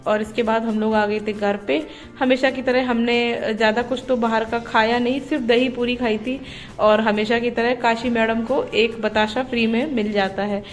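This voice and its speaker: A woman's voice: steady tone, moderate pace. Chatty woman vlogger over music. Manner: chatty, switches to high sing-song when talking to her toddler. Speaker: family vlogger. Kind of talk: casual vlog narration.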